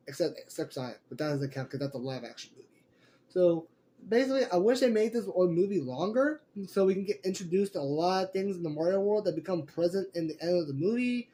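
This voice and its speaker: A young man with a noticeably high-pitched voice talks through an off-the-cuff review. He rambles and circles back, filling gaps with fillers and restarting his sentences. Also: dark tone, a little hiss or hum. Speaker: movie reviewer. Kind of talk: casual spoken review.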